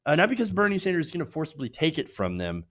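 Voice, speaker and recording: A man's voice: a little high, wildly swooping pitch, quick pace. An American man hosting opinionated political commentary, emphatic, repeating his points in short punchy phrases and often tagging them with "right?". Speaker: host of an online political commentary show.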